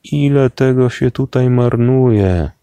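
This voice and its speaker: A man reading a storybook aloud and voicing an excitable, cowardly young man who loves snacks, with yelping exclamations. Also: medium pitch, takes it slowly, clean tone, dry recording, pitched above the performer's own voice. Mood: excited.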